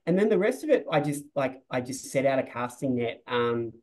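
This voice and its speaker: A man in his forties chatting over a webcam. He rambles loosely, restarts his sentences and leans on filler words, with a middling pitch. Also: very animated, fairly quick, a little mellow, poor audio. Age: 40s. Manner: rambling, restarts often, says "like" a lot. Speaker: film director. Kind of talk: casual interview on a video call. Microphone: video call webcam.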